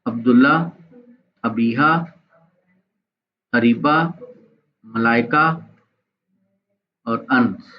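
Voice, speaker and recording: A man teaching a live online graphics software class, chatty and encouraging, often checking in with his students. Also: medium pitch, fairly even intonation, extremely slow, long pauses, muffled recording.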